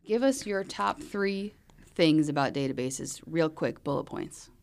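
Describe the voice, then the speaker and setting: A woman hosting a casual interview about real estate, upbeat and quick to laugh. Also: low voice, animated, creaky, a little mellow. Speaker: podcast host.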